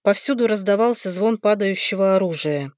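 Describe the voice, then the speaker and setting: Female narrator, mid-pitched, reading fantasy in first person; dry close-mic sound. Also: brisk, darkish tone, dry recording. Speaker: audiobook narrator.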